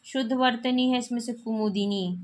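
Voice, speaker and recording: A woman's voice: fairly high pitch, moderate pace, a little hiss or hum. A woman teacher works through exam-prep spelling questions in Hindi. She reads each question and then explains which form is correct. She repeats the correct forms plainly.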